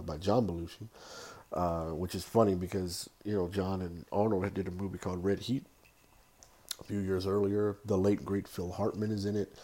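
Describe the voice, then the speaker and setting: Middle aged guy doing a podcast, real deep mellow voice, kinda rambly and halting movie chat. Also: slightly rough. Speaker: podcast host. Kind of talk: casual solo movie-review chat.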